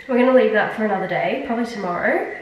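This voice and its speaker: A woman's voice: medium pitch, very fast, highs cut off, slight background noise. A young woman with a nasal, congested voice from blocked sinuses, chatting casually through her skincare routine in a rambling, self-deprecating way. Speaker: beauty vlogger. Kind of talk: casual skincare vlog chat. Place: echoey bathroom. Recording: echoey room, mic at a distance.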